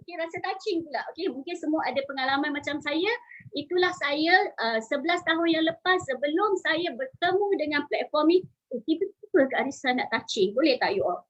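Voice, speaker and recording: A woman in her forties with a Malaysian Malay accent, a salon owner giving an energetic live-stream talk and urging her viewers to join in, with English phrases mixed in. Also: sits high, a little fast, lo-fi sound. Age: 40s. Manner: energetic, urges the audience, mixes in English phrases.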